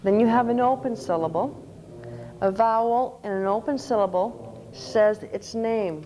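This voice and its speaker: In a conference session room, a woman from Canada runs a workshop on teaching reading, walking through each step and spelling out letters into a microphone. Her voice is medium in pitch and a little mellow, and the rough recording carries some hiss or hum.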